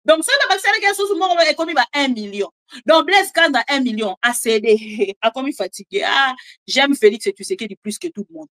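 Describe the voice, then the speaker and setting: Congolese lady doing casual political talk to her viewers, high bright voice, animated. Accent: Congolese French. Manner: animated, chatty, joking asides to viewers. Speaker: political commentator. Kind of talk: casual live commentary, French mixed with Lingala.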